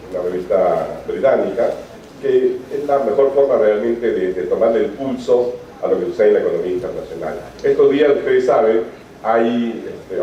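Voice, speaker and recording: A man's voice: lowish voice, warm tone, slight background noise. A man giving a university lecture in a conversational way, often adding tag questions and fillers. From Peru. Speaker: guest lecturer. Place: lecture hall. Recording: echoey hall from far off, dull sound.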